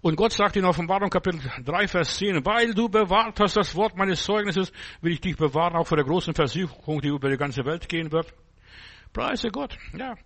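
A pastor preaching a sermon in an emphatic way, with many short asides and a steady stream of interjections. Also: male voice, sits high, a little fast.

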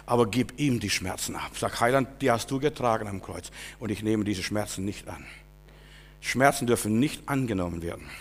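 A middle-aged man preaching a sermon, swinging from loud, high exclamations to quiet, low asides, often repeating and restarting words. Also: normal speed.

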